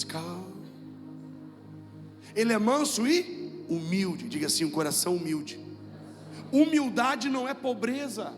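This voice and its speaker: A man's voice: sits high, big-room sound. A man with a Brazilian Portuguese accent preaching a sermon as pastor, emphatic and repetitive, calling on the congregation to repeat after him. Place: church hall with music.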